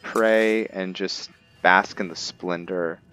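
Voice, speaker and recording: Deep-voiced and sharp in tone, the man keeps his intonation fairly even and his pace slow. He's a gaming host doing laid-back roleplay commentary, thinking aloud and drifting into character, while music plays under a dull, lo-fi recording.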